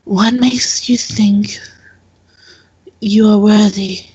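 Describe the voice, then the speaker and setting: A woman's voice: medium pitch, steady tone, very slow, a little mellow, slightly rough, dull audio, heavily acted. A woman voicing a dire, suspicious female temple warrior who questions curtly, sometimes half in a whisper.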